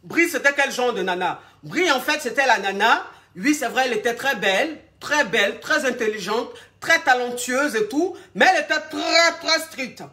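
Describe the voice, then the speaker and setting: A woman's voice: high-pitched, lively intonation, moderate pace, bright, forceful tone. A woman giving relationship advice in a casual live talk, speaking straight to her viewers and rambling as she searches aloud for words. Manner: addresses the audience directly and familiarly. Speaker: relationship coach.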